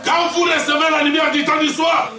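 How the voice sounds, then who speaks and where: High-pitched shouting preacher in a church. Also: male voice, level tone, a little fast. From Congo. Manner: impassioned, shouting, call-and-response with the congregation. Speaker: visiting preacher. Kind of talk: sermon. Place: church hall. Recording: echoey church hall, distant mic, congregation responding. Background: congregation responses.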